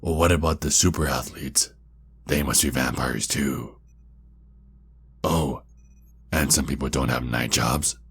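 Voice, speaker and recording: In an ASMR roleplay, a man plays a centuries-old vampire kidnapper who taunts with slow, mocking menace. His bass voice is breathy and husky, fairly bright in tone, and deliberately exaggerated.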